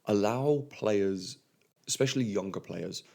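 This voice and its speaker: A young man hosts a podcast alone, talking in a loose, easygoing way with plenty of "like" and "um". His voice sits fairly low and has a gravelly, creaky edge to it. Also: measured pace, warm tone. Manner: chatty, lots of "like" and "um". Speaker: podcast host, football referee. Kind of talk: casual solo podcast talk.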